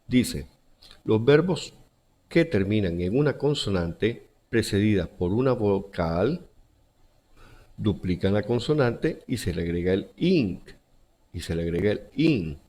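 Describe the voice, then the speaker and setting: A man's voice: on the low side, lively intonation, a little slow, dark tone. A male teacher giving a recorded grammar lesson to schoolchildren, repeating each example word and rule. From Central America.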